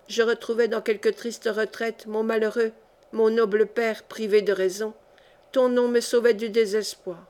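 This is a devoted noble mother, a countess who pours out fervent, tender words to her daughter, as a woman reads her in an audiobook. The voice sits a little high for a woman and stays close to the reader's own. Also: a little mellow, lightly acted. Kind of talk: audiobook reading of a historical novel.

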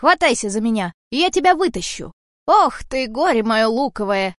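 A woman voicing a big ginger tomcat in an audiobook, gruff and rude, loud and bossy, barking orders and scolding. The voice sits a little high and sounds close and dry, with no room around it. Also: animated, moderate pace, no room sound, close to an everyday voice. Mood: shouting. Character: old male house cat, gruff, rude protector. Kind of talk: audiobook character voice.

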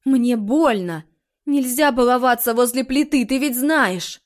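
A woman's voice: a little high, moderate pace, mellow, natural voice. Woman reading a worried young mother. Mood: restrained anger. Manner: firm, restrained anger. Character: worried middle-aged mother, stern then gentle.

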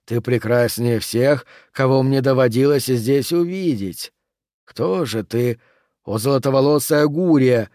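A man's voice: on the high side, dry recording, studio quality, voice pushed up, lightly acted. Man doing a sleepy, lovesick stranger. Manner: slow, drawn-out, theatrical phrasing. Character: dreamy lovesick man of a dead city, easily frightened. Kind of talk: audiobook character voice.

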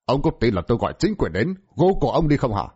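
A man's voice: mid-range voice, sing-song, fast, a little mellow, breathy edge, dull audio. A man doing a curt, stern servant.

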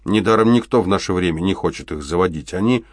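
A man voicing an explosive, hot-tempered man who blusters in loud outbursts. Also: low-pitched, fast, dry recording, clean studio sound. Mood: angry.

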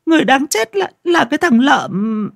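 Shrill, stammering old wife, frantic and pleading, husky edge, put on by a male narrator. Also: measured pace, darkish tone, dry recording, studio quality, heavily acted. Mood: fearful pleading. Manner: panicked, pleading.

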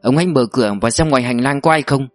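A man's voice: mid-range voice, fast, no room sound, soft background music, close to an everyday voice. A man voicing a sly scheming security chief. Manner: blunt, bossy.

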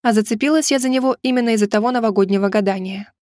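A woman reads a first-person audiobook in an even, measured way. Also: fairly high pitch, no echo, clean studio sound. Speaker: audiobook narrator.

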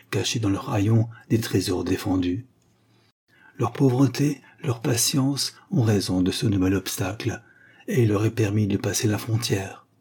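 A man narrating an audiobook in a dramatic, measured reading. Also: lowish voice, dark tone, husky.

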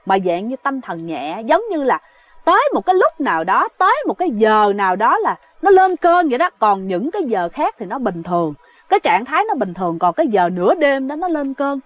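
A woman's voice: a little high, very animated, no echo. Woman doing an exasperated, worried woman friend. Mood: worried musing. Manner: exasperated, talking fast.

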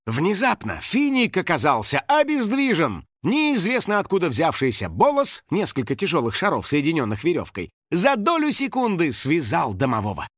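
A man reads a children's story aloud as narrator, with a fairly high voice that rises and falls constantly. His delivery is animated and storyteller-like. The sound is dry and close to the mic, with no room around it. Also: normal speed, hardly any pauses, dry recording. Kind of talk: expressive audiobook narration.

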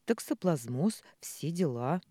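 A cheeky young pregnant woman, voiced by an audiobook reader, chatty and teasing. Her voice swings up and down a lot, with a mellow tone. The sound is close and dry. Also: medium pitch, very animated, slow, slightly rough, dry recording, heavily acted. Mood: playful.

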